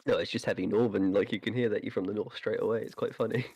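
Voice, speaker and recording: A man chatting casually while gaming online, blunt, teasing and quick to swear. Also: lowish voice, fairly even intonation, darkish tone, slightly rough, dry recording.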